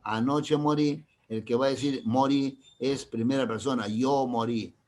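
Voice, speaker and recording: Man, middle-aged, language teacher, classroom lesson, keeps checking understanding, playful examples, medium pitch. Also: fairly even intonation, darkish tone. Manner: constantly checks understanding with quick questions.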